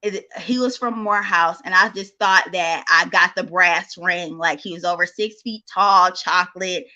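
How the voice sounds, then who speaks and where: A woman's voice: on the low side, moderate pace, sharp tone. A woman with a cartoon-like voice, chatting casually and animatedly as a call-in guest telling personal stories. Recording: slightly dull, lo-fi call audio.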